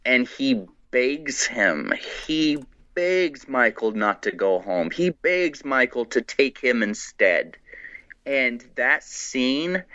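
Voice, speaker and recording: A man guesting on a podcast, chatting excitedly and rambling with many restarts. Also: mid-range voice, slow pace, dry recording, highs cut off. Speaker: guest, horror writer. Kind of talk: casual podcast chat.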